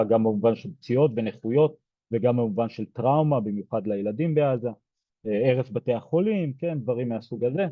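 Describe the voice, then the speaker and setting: A soft-spoken man from Israel giving a lecture, hesitant, with many fillers and restarts. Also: mid-range voice, dry recording, dull audio. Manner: soft-spoken, hard to hear. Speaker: genocide studies lecturer. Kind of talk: explaining lecture.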